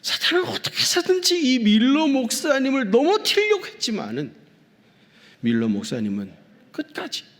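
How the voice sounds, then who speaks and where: Animated preaching man in reverberant hall. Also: sits high. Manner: warm storytelling preaching with addresses to the congregation. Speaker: pastor. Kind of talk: sermon. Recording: long reverb from a large hall.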